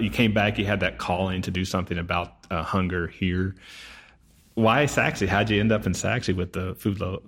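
A man from Texas with a low-pitched voice hosts a community interview. He talks in a chatty, conversational way and readily affirms what the guest says. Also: a bit bright. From Texas, United States. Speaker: interviewer and host.

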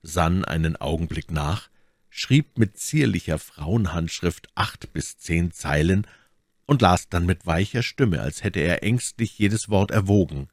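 A man reading a classic novel aloud in a steady, formal narrating manner. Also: sits low, unhurried, no room sound, clean studio sound. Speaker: audiobook reader.

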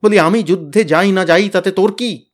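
A man voicing a bossy, blustering teenage boy who leads his gang, loud, threatening and boastful. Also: a little high, moderate pace, close to an everyday voice. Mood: boasting. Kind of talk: storybook reading.

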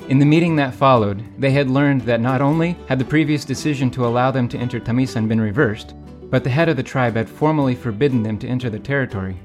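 A man's voice: medium pitch, quick pace. A man narrating as a small motorcycle in earnest, scripted storytelling over guitar music.

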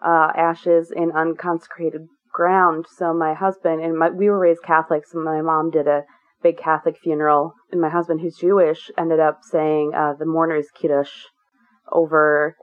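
Over a tinny line that sounds like a phone, a low-pitched woman speaks at normal speed in a level tone as an interview guest. She is earnest and open, talking at length and rambling with frequent fillers and restarts.

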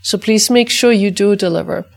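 A woman teaching an energy healing exercise for dog owners, guiding gently and repeating chant-like clearing phrases. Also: medium pitch, moderate pace. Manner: calm, repetitive incantation-like clearing phrases.

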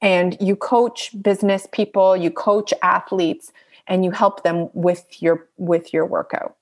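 A woman's voice: on the low side, fairly even intonation, measured pace. Curious Canadian woman host. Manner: curious, asks questions and rephrases as she goes.

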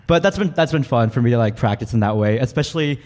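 A man hosts a casual conversation, talking quickly in a mid-range voice. He sounds relaxed and laughs easily as he chats with his guest. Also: medium pitch. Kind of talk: casual chat.

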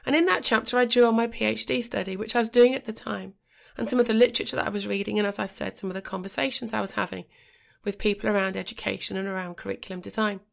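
A middle-aged woman with a croaky voice from a cold, hosting a podcast in a measured, reflective monologue. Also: mid-range voice, fairly even intonation. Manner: measured, reflective delivery with occasional restarts. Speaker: podcast host.

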